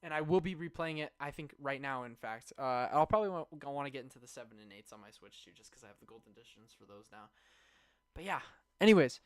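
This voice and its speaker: A man's voice: fairly high pitch, clean tone. A young man streaming, rambling enthusiastically through a casual game review, with many fillers and restarts. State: hiccuping.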